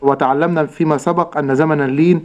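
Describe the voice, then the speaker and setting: Guy teaching tajweed, careful and measured, kinda muffled old broadcast audio. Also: a little high, steady tone. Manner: measured, explanatory, drawn-out recited examples. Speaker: Quran recitation teacher. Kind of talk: tajweed lesson with slow demonstrations.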